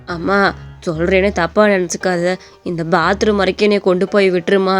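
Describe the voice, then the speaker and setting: A woman voicing a frail, gentle elderly mother-in-law who speaks softly and weakly. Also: on the low side, little pitch movement, a little fast, soft background music, pitched below the performer's own voice, natural voice. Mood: feeble pleading. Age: older. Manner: soft, weak and pleading.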